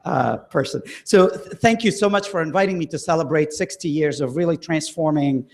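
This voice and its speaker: A man's voice: fairly high pitch, a little fast, vocal fry. A man giving a conference closing talk, with many ums and uhs. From Lebanon. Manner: hesitant, frequent ums and uhs. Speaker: conference speaker.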